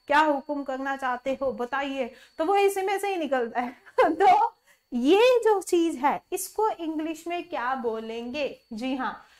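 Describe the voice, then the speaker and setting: A woman teaching an online vocabulary lesson, mixing Hindi with English words, who keeps asking the viewer questions and then answers them herself. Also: sits high.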